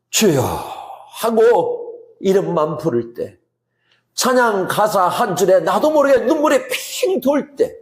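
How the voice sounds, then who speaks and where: High-voiced man preaching earnestly. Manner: gentle, earnest preaching with emphatic swells. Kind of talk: sermon. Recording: roomy echo.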